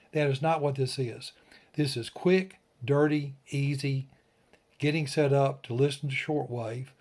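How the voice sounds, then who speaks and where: With a medium-pitched, somewhat mellow voice, a ham radio tutorial host offers folksy, no-frills instruction. His demonstration is informal and step-by-step, spoken in short phrases.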